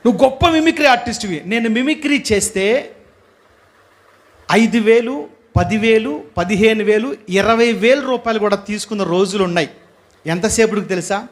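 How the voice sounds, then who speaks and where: Guest preacher, male, middle-aged, high voice, lively testimony style with frequent hallelujahs. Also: normal speed. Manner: lively, questions the audience often, bursts of hallelujah. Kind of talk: church testimony to a congregation. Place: church hall.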